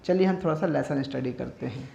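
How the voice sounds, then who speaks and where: A man's voice: mid-range voice, creaky, warm tone, muffled recording. A male teacher, giving a classroom vocabulary lesson, repeating each word for students to echo and often checking they follow. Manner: repeats words slowly for students to echo, with frequent check-ins.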